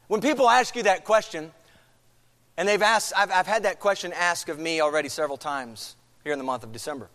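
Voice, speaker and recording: A man's voice: high-pitched, a little fast, a bit bright. Guy preaching a sermon, chatty, keeps asking the room questions, big echoey church. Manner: conversational, poses questions to the congregation. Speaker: pastor. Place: church sanctuary. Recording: long reverb in a large hall.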